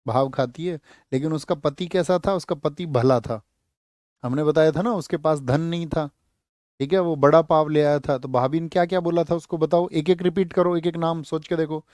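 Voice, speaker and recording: Man, teacher, exam-prep lecture, slightly high voice, dry close sound, repeats key words. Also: a little mellow, dry recording. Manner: quizzes students and answers his own questions.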